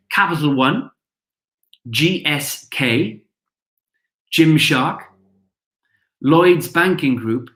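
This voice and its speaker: Hosting an awards ceremony, a Welsh-accented man reads shortlists and winners upbeat, putting emphasis on each name. His voice is on the high side and a bit bright, in an echoey room.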